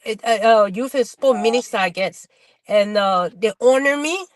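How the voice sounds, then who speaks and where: A middle-aged woman from Liberia talks casually as a webinar guest, her voice sitting a touch high. She stumbles and restarts often as she gathers her thoughts. The sound is dry and close. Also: no echo. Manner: halting, repeats words and restarts often. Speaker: guest bodybuilder.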